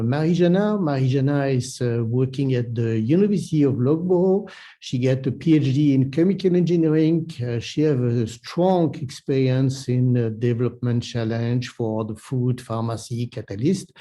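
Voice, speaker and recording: A man's voice: mid-range voice, mellow. A man with a delivery, introducing an online webinar and speaker as moderator, hesitant with many restarts.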